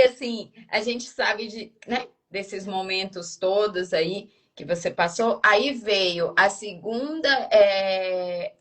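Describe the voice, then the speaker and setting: A woman with a Brazilian accent hosting a live interview, asking her guest gentle, hesitant questions with many fillers. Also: medium pitch. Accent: Brazilian Portuguese. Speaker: host.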